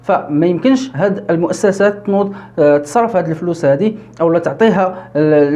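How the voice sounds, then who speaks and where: Moroccan male commentator, quick and high-pitched, filler-heavy delivery, dull lo-fi sound. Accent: Moroccan Arabic. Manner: fast, animated, frequent fillers and self-corrections. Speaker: YouTube news commentator. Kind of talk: casual political commentary.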